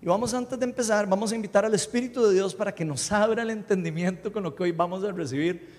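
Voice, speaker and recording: A man preaching a sermon, praying aloud and reading scripture, with impassioned swings between loud lifted phrases and soft low prayer. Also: fast. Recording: long hall reverb.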